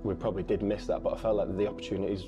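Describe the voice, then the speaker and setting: A footballer talks fast in a low, flat voice, restarting sentences and filling gaps with "um". Music sits clearly behind him. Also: male voice, highs cut off. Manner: quick, hesitant, with many restarts and fillers. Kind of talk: post-match interview.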